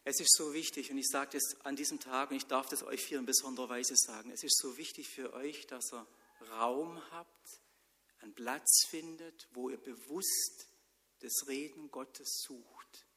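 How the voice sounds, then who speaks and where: A man preaches a sermon, telling stories and dropping from strong lines to near whispers. His voice is bright and clear. It carries into a long church reverb. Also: medium pitch, steady tone, a little slow. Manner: storytelling, swings between loud and whispered.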